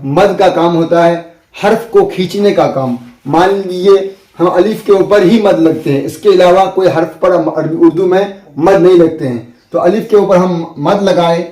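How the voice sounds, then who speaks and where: A man teaching a basic script lesson, explaining patiently and repeating each point with drawn-out letter sounds. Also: high voice, darkish tone, reverberant, low-quality recording. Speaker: Urdu teacher.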